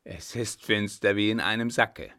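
A man voicing a scheming army captain in a spoken storybook, talking tense and hushed. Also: lowish voice, moderate pace.

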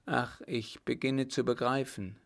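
A man's voice: medium pitch, steady tone, unhurried, vocal fry. A man voicing an earnest young captain. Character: brave young male captain, earnest and fiery.

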